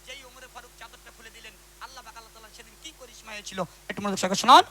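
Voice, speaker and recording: A man's voice: very high-pitched, rapid-fire, slight background noise, rough recording. A man who tells a religious story to a live audience between sung ghazals and keeps calling out to the crowd. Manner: animated, calls out to the crowd. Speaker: ghazal singer and preacher.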